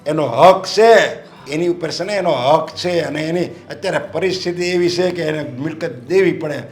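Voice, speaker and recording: A man playing a stern older father with a hoarse voice who scolds his son and insists the property is his to give. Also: on the high side, moderate pace, faint music behind, natural voice. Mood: firm. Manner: authoritative, scolding. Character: firm, proud elderly father, owner of the property. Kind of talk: Gujarati short film acting.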